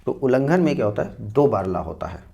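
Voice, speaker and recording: A man with a North Indian Hindi accent teaches an exam-prep Hindi spelling lesson, going slowly, repeating each word and explaining it step by step while saying "dekhiye" and "theek hai." His medium-pitched voice swings widely in pitch and sounds creaky and mellow, and the audio is dull.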